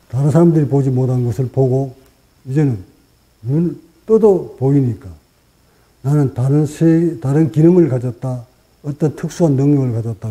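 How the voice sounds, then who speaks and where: A man teaching as a Buddhist meditation master, speaking in short, deliberate phrases with pauses and rising for emphasis. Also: mid-range voice, mellow, low-quality recording. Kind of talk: dharma talk.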